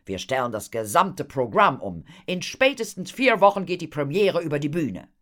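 A gushing, pompous man who runs a theatre, raised and loud, as a woman puts him on for a storybook. He talks in a grand, showy way, full of big promises and flourishes. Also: low voice, big pitch swings, moderate pace, voice pushed up. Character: pompous excitable male theatre impresario.

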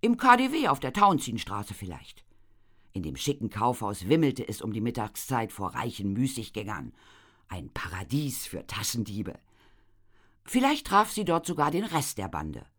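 A man reading a children's adventure novel aloud as an expressive audiobook narrator. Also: mid-range voice, normal speed. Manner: lively storytelling, voices for characters.

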